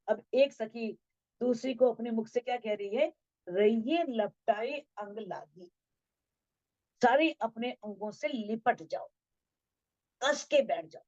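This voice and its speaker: A woman giving a devotional talk on scripture, chanting verses slowly and then explaining them in plain speech. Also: a little high, darkish tone, no room sound. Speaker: scripture teacher. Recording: dull lo-fi sound.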